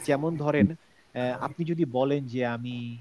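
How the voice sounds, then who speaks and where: A man's voice: mid-range voice, takes it slowly, darkish tone. A man from Bangladesh teaching Quran recitation to an online class, explaining and asking the class questions.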